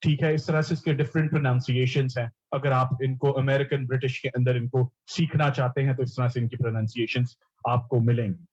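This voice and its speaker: A man's voice: mid-range voice, flat delivery, a little mellow, husky, lo-fi sound. A man preaching a sermon, explaining scripture and repeating key words, often mixing English terms into his teaching.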